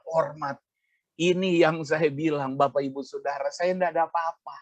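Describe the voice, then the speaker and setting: A man's voice: fairly high pitch, no echo. A male pastor preaching, telling a personal story and addressing the congregation directly, acting out the voices of the people in it. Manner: addresses congregation repeatedly, acts out quoted voices.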